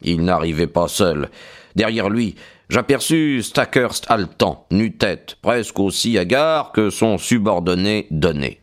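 Low-pitched guy narrating a detective audiobook, steady and measured. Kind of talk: scripted narration.

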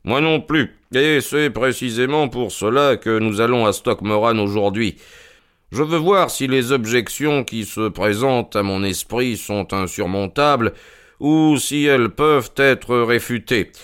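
A man playing a calm, ironic detective who reasons and mocks with composure, in an audio drama reading. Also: measured pace, clear, resonant tone, close to an everyday voice. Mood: reasoning. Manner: composed and mocking, lively rises in pitch. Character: calm, ironic male detective, sure of himself.

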